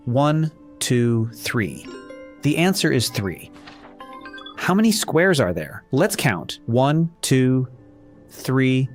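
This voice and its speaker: A man leading a counting lesson for young children, asking how many shapes there are and counting them aloud one by one. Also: mid-range voice. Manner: slow, sing-song counting with questions and answers. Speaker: children's math teacher. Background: faint background music.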